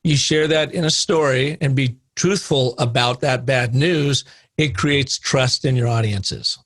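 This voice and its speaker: A middle-aged man telling an anecdote as a podcast guest, lively, acting out the dialogue in it. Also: mid-range voice, measured pace, no echo. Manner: animated anecdote teller, acts out quoted dialogue. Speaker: guest, storytelling consultant. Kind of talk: podcast interview storytelling.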